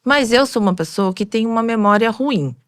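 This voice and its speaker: A woman's voice: fairly high pitch, normal speed, dry recording, studio quality. A woman, a makeup artist and hairstylist, tells stories from her work in an interview and acts out the voices of the people in them. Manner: animated storytelling, acting out quoted voices. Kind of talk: storytelling in an interview.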